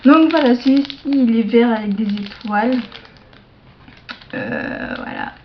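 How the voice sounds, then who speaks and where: A woman showing off a shopping haul to her viewers in a casual show-and-tell, hesitant, with many fillers and self-corrections, slipping into soft asides. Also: a little high, slight background noise. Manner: slow, chatty, drops into soft asides. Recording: dull lo-fi home video sound.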